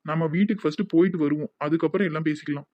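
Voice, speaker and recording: A voice actor with a Tirunelveli Tamil accent playing a caring, excitable young village husband in a cartoon, talking in urgent, raised bursts. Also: mid-range voice, rapid-fire, dry recording, dull audio, close to an everyday voice. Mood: reassuring. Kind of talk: animated cartoon voice acting.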